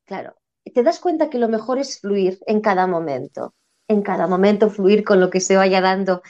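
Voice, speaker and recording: A woman's voice: medium pitch, lively intonation, normal speed, darkish tone. A woman from Spain in an earnest, reflective spiritual conversation, repeating phrases for emphasis. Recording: dull lo-fi sound.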